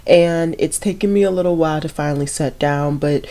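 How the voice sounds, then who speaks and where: Beauty vlogger, young woman, congested and nasal, low warm tone, loose chatty delivery. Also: fairly quick. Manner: relaxed, rambling, with fillers. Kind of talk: casual swatching video.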